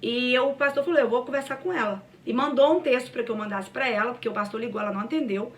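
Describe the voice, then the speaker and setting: A woman's voice: fairly high pitch, quick pace, far from the mic. A woman telling a personal faith testimony to a church group in an earnest, storytelling way. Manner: earnest, storytelling, addresses listeners as "gente". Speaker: church cell group speaker.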